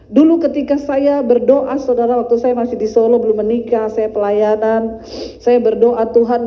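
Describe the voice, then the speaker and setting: A woman preaching a sermon as a pastor, animated and humorous, acting out dialogues with her congregation. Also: high voice, highs cut off.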